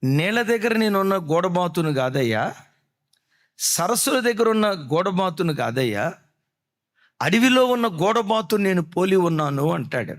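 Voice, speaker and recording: A man's voice: sing-song, moderate pace. A man preaching a sermon as pastor, dramatic in delivery, asking the congregation rhetorical questions and acting out prayers. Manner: dramatic preaching, voicing prayers with sudden drops and rises in pitch.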